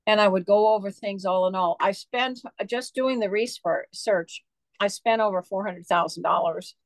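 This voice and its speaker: Being interviewed as an author guest, a woman chats her way through lengthy, wandering stories, leaning heavily on filler words. She speaks at a medium pitch and moderate pace in a dry recording.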